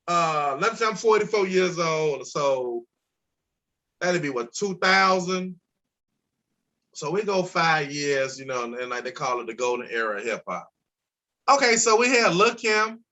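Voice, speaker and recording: A man's voice: high-pitched, measured pace, pauses often. A man in his forties from Chicago, an insurance broker guest talking casually and emphatically on a podcast, swearing freely. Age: 40s. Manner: emphatic, profane, animated storytelling.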